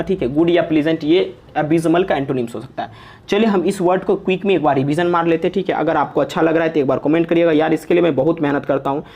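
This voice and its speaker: A man's voice: on the high side, darkish tone, muffled recording. A young man teaching English vocabulary in a casual, chatty online lesson, joking and saying "okay" after nearly every phrase. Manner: chatty, repeats "okay" constantly, jokes and teases.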